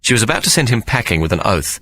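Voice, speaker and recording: A man narrating an audiobook in a measured storytelling manner. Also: lowish voice, big pitch swings, pushed and bright, dry recording. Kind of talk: scripted narration.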